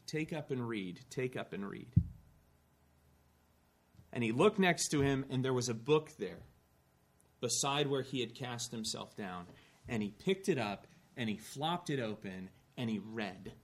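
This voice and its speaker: A man preaching a sermon in a church, telling a story with earnest rising emphasis and the odd dry aside. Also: mid-range voice. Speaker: pastor.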